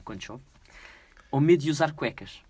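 A man with a European Portuguese accent hosting a casual quiz, playful and jokey, slowing down over hard words. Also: mid-range voice, lively intonation, darkish tone, breathy edge, no room sound. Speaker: quiz host.

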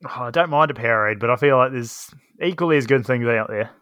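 A young man co-hosting a casual podcast, easygoing and quick to laugh. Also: medium pitch, dry recording. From New Zealand. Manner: relaxed, easygoing, laughs often. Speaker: podcast co-host. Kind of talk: casual chat.

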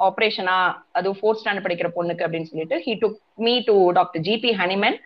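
A woman's voice: mid-range voice, very fast. A woman with a Tamil accent, speaking as an interview guest in a conversational way and slipping between English and Tamil. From Madurai, Tamil Nadu, India. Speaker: guest, homeopathy doctor. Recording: slightly dull, lo-fi sound.

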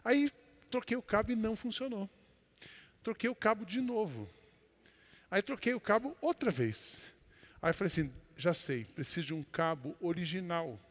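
A man with a Brazilian accent, a pastor preaching a sermon and telling a personal story, with sudden loud exclamations between quieter asides. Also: high-pitched, animated, moderate pace. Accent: Brazilian Portuguese. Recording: long hall reverb.

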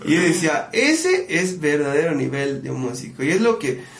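A man, a musician and producer, telling stories in a casual podcast conversation with an animated, friendly manner. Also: a little high, normal speed, creaky. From Bolivia. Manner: animated storyteller, often calls the listener "brother". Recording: echoey room with faint background noise.

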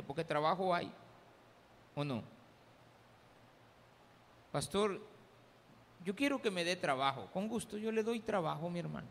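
A man's voice: sits high, vocal fry, a little hiss or hum. A man with a Salvadoran accent preaching a sermon as pastor, talking with the congregation and asking them questions. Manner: conversational, asks the congregation questions. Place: church. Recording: long hall reverb.

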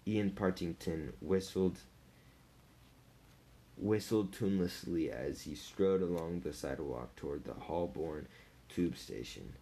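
Man, deep voice, novel read aloud, steady, occasional slips. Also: measured pace. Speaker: narrator.

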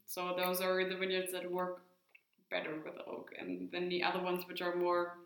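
A woman's voice: fairly low pitch, monotone, normal speed, a bit bright, roomy sound. A woman winemaker in casual conversation, thinking aloud with hesitant fillers.

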